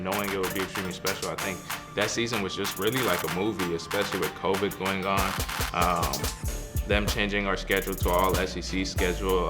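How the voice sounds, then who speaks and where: A young man, a college wide receiver who grew up in Ghana, speaking relaxed in a feature interview with many ums. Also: low-pitched. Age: young adult. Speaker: college football player.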